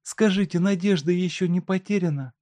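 A man's voice: high voice, fairly quick, dark tone, dry recording, pitched above the performer's own voice, close to an everyday voice. A man reading aloud and voicing a desperate, tearful wife who pleads with a doctor for her husband. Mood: pleading. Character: desperate grieving wife, middle-aged woman.

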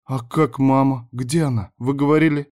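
Guy doing a scared little girl, way up high, pleading, audiobook. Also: fairly even intonation, normal speed, a little mellow, no echo, studio quality, close to an everyday voice. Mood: anxious. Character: frightened young girl fleeing soldiers.

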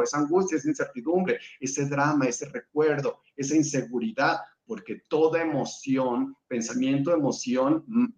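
A man who is a spiritual guest speaker answers audience questions and leads a calm guided visualization, talking in repeated lists with small restarts. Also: mid-range voice. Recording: roomy, dull lo-fi sound.

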